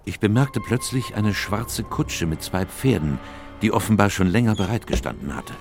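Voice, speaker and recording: An actor playing an earnest, troubled doctor who narrates a radio drama in a measured, reflective way. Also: male voice, on the low side, lively intonation, creaky, music in the background. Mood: sombre reflection.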